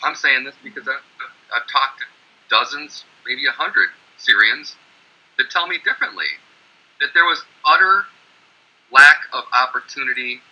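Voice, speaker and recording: A man's voice: mid-range voice, normal speed, long pauses, bright, forceful tone, breathy edge, lo-fi sound. A man speaking emphatically in an online panel discussion, brushing off opposing claims.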